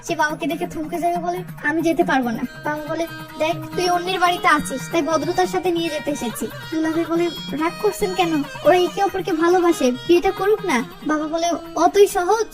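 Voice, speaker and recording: A woman narrating a film recap, reading out every character in brisk storytelling. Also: very high-pitched, fairly even intonation. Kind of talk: fast movie recap narration. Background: background music.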